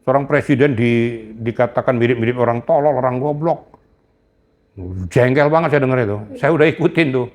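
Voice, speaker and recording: A man's voice: mid-range voice, fairly even intonation, fairly quick. Older male interview guest, indignant and emphatic, lecturing tone. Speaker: retired police general, guest. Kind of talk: heated interview talk.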